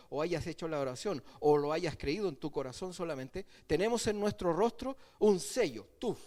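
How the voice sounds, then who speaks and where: A man preaches a sermon to his church. His voice sits high for a man, and he talks in an easy conversational way, often asking the congregation whether they understand. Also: darkish tone. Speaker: pastor.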